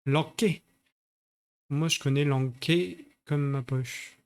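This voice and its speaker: A man's voice: a little high, steady tone, slow pace. A man streaming a video game live, chatting with his viewers in crude, joking banter. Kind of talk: live-stream gaming commentary.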